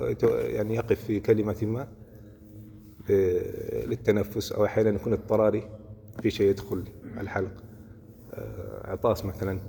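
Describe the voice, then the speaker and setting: A man's voice: lowish voice, gravelly, dark tone. A man teaching Quran recitation in a religious lesson, explaining step by step and often checking that listeners follow. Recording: hall reverb with faint noise.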